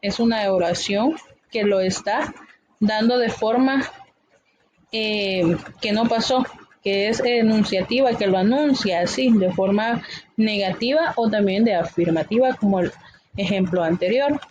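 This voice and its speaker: Woman teacher, patient and halting. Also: medium pitch, highs cut off, noisy background. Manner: patient, repetitive explaining with frequent "eh" fillers. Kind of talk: explanatory lesson.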